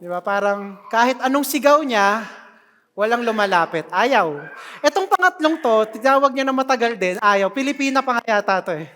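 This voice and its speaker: An animated preacher delivering a sermon in a church hall, voice set in the middle range. The talk keeps drawing laughs from the congregation, and a long hall reverb trails each phrase. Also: mid-range voice, moderate pace, slight background noise.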